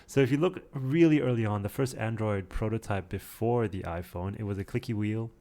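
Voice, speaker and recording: Fast-talking low-voiced man hosting. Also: creaky, warm tone. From Australia. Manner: quick, asks questions, steers the conversation. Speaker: podcast co-host. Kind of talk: casual tech chat.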